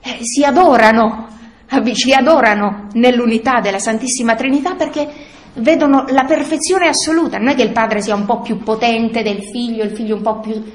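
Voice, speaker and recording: A woman with a fairly high voice gives an earnest spiritual teaching to a prayer group. She explains patiently, pausing on fillers and restarting her phrases. Her voice rings in an echoey room. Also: a little hiss or hum. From Italy. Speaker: speaker leading a prayer group.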